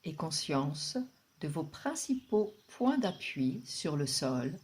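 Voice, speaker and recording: Calm and soothing, a female yoga nidra guide takes her time walking listeners into deep relaxation, pausing at length between phrases.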